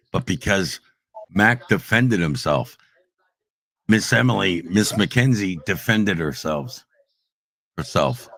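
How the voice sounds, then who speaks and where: A man with a fairly low voice rants at trolls on a livestream. He is profane and aggressive, and swings from shouting to low, slow growls. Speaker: streamer ranting at online trolls. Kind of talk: heated livestream rant.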